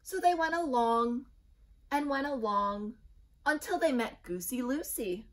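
Young woman reading a storybook, highish voice. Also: animated, a little slow, distant mic. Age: young adult. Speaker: teacher reading aloud. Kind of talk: expressive children's storybook narration. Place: small indoor room, seated before a door. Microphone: camera a few feet away.

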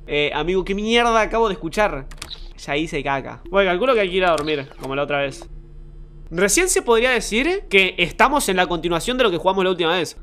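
A man's voice: high voice, lively intonation, quick pace, a bit bright, a little hiss or hum. A young man with an Argentine accent, joking and swearing often as he gives live commentary on a horror game. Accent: Argentine Spanish. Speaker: streamer.

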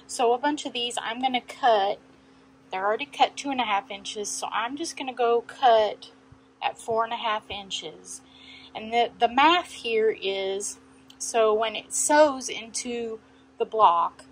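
A woman's voice: fairly high pitch, a bit bright, a little hiss or hum, poor audio. A woman hosting a quilting tutorial, chatting and thinking aloud as she measures and cuts fabric at her sewing table. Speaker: quilting channel host. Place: sewing room at a cutting table.

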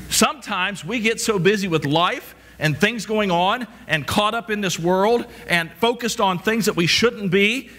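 A middle-aged man, a pastor, walks the church stage preaching a sermon, asking rhetorical questions again and again and frequently stammering into restarts. His voice sits high and sounds bright and forceful.

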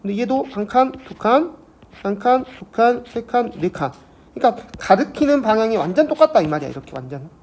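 A woman's voice: a little high, lively intonation, brisk, darkish tone. A woman teaching a math lesson, explaining step by step and asking and answering her own questions. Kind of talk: classroom math lecture.

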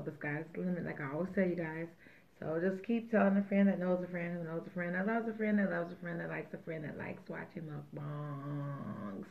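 A woman with a fairly low voice chats loosely as she eats on camera, rambling from one thought to the next and dropping little jokes. The sound is thin and tinny, like a phone line. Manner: chatty, rambling, jokey. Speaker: mukbang host. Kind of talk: casual chat while eating.

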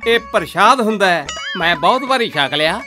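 A man's voice: high voice, animated, a little fast. An actor playing a wry comic sidekick who teases and scolds his partner. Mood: teasing. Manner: calls out teasingly, mock-scolding. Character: wry comic male sidekick, resigned to beatings. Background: film score music.

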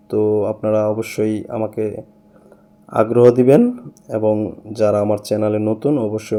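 A man whose first language is Bengali, hosting a language lesson and slowly repeating each word for his learners. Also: medium pitch, gravelly, warm tone. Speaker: language teacher, channel host. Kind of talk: screen-recorded language lesson.

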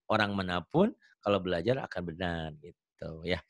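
A man's voice: low-pitched, expressive, moderate pace, no room sound, studio quality. Man patiently drilling Arabic letter sounds. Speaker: Quran reading teacher. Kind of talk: online tajwid lesson.

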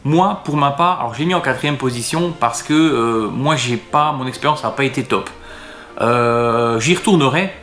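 Casual male vlogger at mid pitch, halting with many fillers, in a reverberant room. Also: a bit bright. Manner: hesitant, many fillers and restarts. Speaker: vlogger reviewing restaurants. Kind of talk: casual talk to camera.

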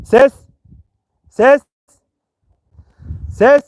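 A man exploring a rocky ruin outdoors, shouting loudly into a deep shaft so his voice comes back as a cave echo. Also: fairly even intonation, very slow, dull audio. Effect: cave echo from shouting into a deep cistern. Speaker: explorer vlogger. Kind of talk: casual narration while exploring. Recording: outdoor recording with clear background noise.

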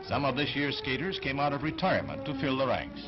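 A man narrating an old newsreel with a brisk, punchy announcer delivery and a lively, swinging pitch. The sound is dull and lo-fi, like an early sixties newsreel soundtrack, with loud orchestral music playing behind him. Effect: old newsreel recording.

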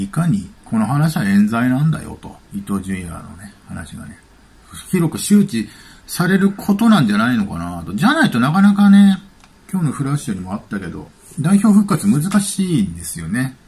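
Male commentator, casual and chatty, gravelly husky voice, bouncy intonation. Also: mid-range voice, very animated, moderate pace, a little mellow. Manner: chatty, offhand, thinking aloud. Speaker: YouTube commentator.

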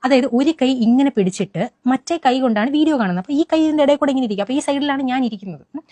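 A young woman speaks, telling her account to an interviewer in an animated way with frequent restarts. Her voice sits fairly high and she talks very fast. The recording is dry and close. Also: no echo. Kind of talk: first-person account to a news interviewer.

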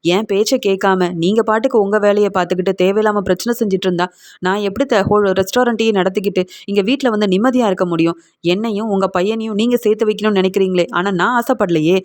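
A woman's voice: medium pitch, natural voice. A woman voicing a defiant middle-aged daughter-in-law who firmly scolds her mother-in-law while retelling a TV serial scene. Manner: firm, reproachful, lecturing.

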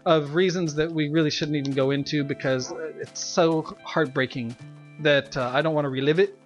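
A man's voice: fairly high pitch, fairly even intonation, normal speed, faint music behind. A man co-hosting a Let's Play, chatting casually in a rambling, self-mocking way and laughing often. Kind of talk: casual gameplay chat.

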